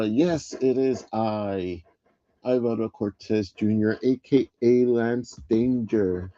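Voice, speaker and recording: A man's voice: fairly low pitch, dark tone, dry recording. A man with a slightly wheezy voice, recovering from bronchitis, rambles and corrects himself as he chats casually as a livestream host on an old headset. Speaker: livestream host, comic artist. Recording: dull headset audio with noise.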